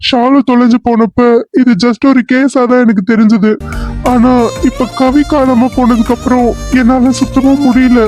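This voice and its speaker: Heartbroken young police officer in a cartoon serial, voiced by a man; tearful, halting, fairly high voice. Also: fairly even intonation, a little mellow, dry recording, faint music behind, natural voice. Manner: halting, denying his feelings.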